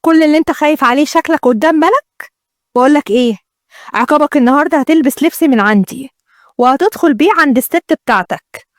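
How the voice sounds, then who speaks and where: A woman's voice: sits high, fast talker, no room sound, clean studio sound, natural voice. A woman with an Egyptian accent voicing a jealous, domineering first wife who threatens and commands. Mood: cruel. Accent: Egyptian Arabic.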